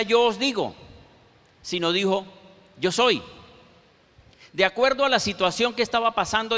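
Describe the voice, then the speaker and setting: A man preaching a sermon, quoting scripture verses with slow, emphatic pauses. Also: high-pitched, a bit bright. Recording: reverberant hall.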